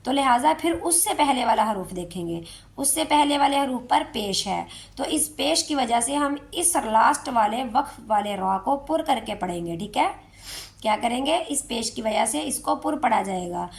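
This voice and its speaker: A woman, teaching Quran recitation step by step, explaining slowly and chanting verses drawn out. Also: a little high, lively intonation, vocal fry.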